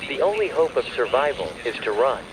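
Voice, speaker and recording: Over loud, aircraft-like droning, a formal broadcast announcer reads a scripted emergency warning. His mid-pitched voice swings widely in pitch, yet his delivery stays measured and official.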